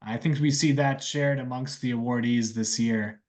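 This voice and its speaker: A man's voice: mid-range voice, steady tone, moderate pace, darkish tone. A man working as an interviewer, asking questions in a casual conversational style.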